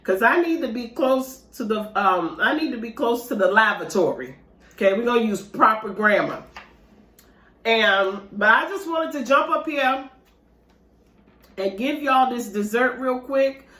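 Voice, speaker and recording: Slightly high, animated and a little slow, this woman's voice sounds pushed and bright. She's a vlogger eating dessert at home, chatting casually and animatedly to viewers for a mukbang, in an echoey room.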